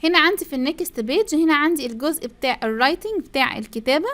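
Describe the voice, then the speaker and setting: A woman's voice: high voice, lively intonation, racing, a bit bright. A woman with an Egyptian Arabic accent, teaching a first-grade English lesson, stretching out English phrases and drilling pupils to repeat after her. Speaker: primary school English teacher.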